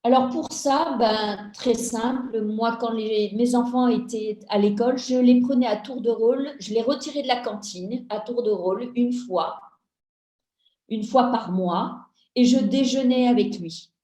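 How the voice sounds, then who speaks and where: A middle-aged woman gives a measured talk to parents over a video call, acting out small family exchanges as she goes. Her voice is mellow and a little high, and she takes her time. The room around her sounds echoey. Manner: slow, measured, acts out family dialogue examples. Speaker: lecturer on family communication.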